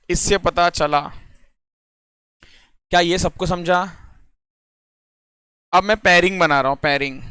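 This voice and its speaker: Bright-voiced male tutor, talking dry and close. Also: sits high, smooth, dry recording. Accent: Indian English mixed into Hindi. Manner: explains step by step, often checking if students follow. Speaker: teacher. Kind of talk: classroom lecture on reasoning puzzles.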